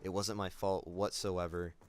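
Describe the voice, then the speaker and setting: A young man talking in a casual vlog, subdued and somber, halting with many fillers and restarts. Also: sits low, little pitch movement, a little hiss or hum. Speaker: gaming YouTuber.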